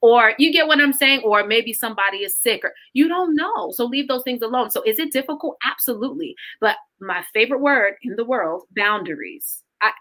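Bright, emphatic woman guest; earnest, animated faith conversation. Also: a little high, fairly quick, hardly any pauses. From Caribbean roots. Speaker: podcast guest. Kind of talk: casual faith talk.

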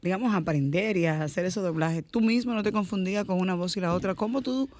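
A man co-hosting an interview program who asks curious, quick follow-up questions. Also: high voice, a little mellow. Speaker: co-host.

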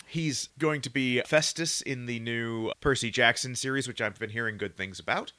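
A man co-hosting a podcast, chatting casually and pitching a casting choice with enthusiasm. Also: normal speed, pushed and bright, dry recording. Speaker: podcast co-host. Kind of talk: casual chat.

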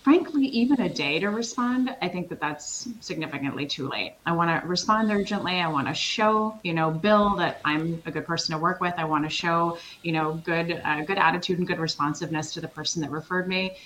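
A middle-aged woman with a lowish voice talks in an energetic, emphatic way and laughs easily. She is from Switzerland and answers interview questions as a consultancy founder. A faint hum of room ambience sits behind her. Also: a little fast, few pauses, poor audio. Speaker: sales consultancy founder, guest.

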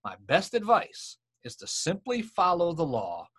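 A man's voice: sits high, wildly swooping pitch, unhurried, fairly bright tone. A man hosting his own podcast, teaching in an emphatic style full of rhetorical questions. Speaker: podcast host and podcast coach. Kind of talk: teaching monologue.

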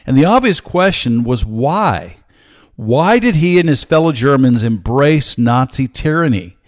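An older American man hosting a program, teaching in an earnest, measured way with frequent pauses. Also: medium pitch, expressive, dry recording, clean studio sound. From United States. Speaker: host, Bible teacher. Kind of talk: teaching monologue with personal story.

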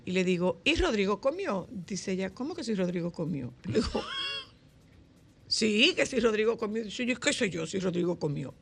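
Dominican lady host, bit of fry in her voice, chatty storyteller doing all the lines. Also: medium pitch, normal speed, slight background noise. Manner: lively storyteller, acts out dialogue. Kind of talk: casual chat.

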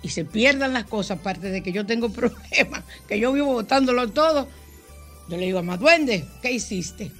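A woman's voice: fairly high pitch, fairly quick, soft background music. An older woman hosting a spiritual call-in radio show, chatty, affectionate and emotional. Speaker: radio host.

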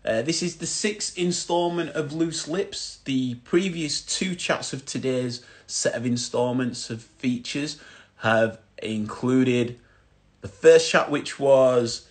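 Yorkshire man hosting a casual chat. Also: mid-range voice. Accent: Yorkshire English. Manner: chatty, familiar, matey terms of endearment. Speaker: host of an online chat series. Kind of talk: informal live chat interview.

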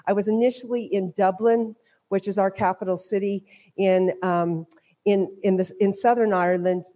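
Addressing a congregation at a church, a visiting preacher from Oklahoma, United States, speaks in a mellow, medium-pitched voice with an American accent. She delivers a conversational sermon built on personal testimony, rolling through repeated phrases.

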